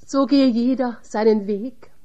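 A woman reading the part of Jesus as a calm, solemn teacher in a measured audiobook voice. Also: a little high, highs cut off, lightly acted.

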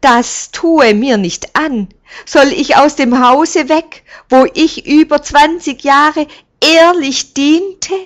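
A woman voicing a loyal, grey-haired old male servant who talks in a gruff, grumbling, emphatic way. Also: a little high, animated, takes it slowly, pitched above the performer's own voice. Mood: pleading.

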